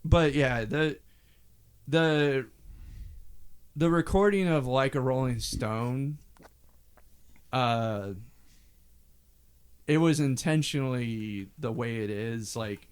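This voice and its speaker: Co-hosting a laid-back podcast about an old album, a man tells rambling stories and imitates the voices he describes, mimicking singing and quotes. His medium-pitched voice is smooth, and he takes his time with long pauses.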